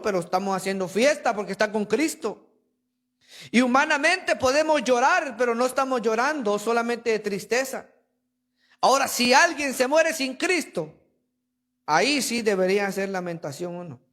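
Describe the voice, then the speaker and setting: Predicador de voz muy aguda, enfático, retórico; sermón en iglesia. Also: male voice, sits high, fairly bright tone. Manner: emphatic preaching, addresses listeners as brother. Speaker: preacher. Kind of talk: sermon. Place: church.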